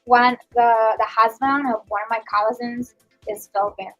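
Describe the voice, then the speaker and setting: A woman's voice: a little high, fairly even intonation, moderate pace, soft background music, poor audio. A young woman chatting on a school radio show, filling her talk with "like". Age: young adult. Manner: chatty, leans on "like" as a filler. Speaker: student guest on school radio. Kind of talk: casual chat.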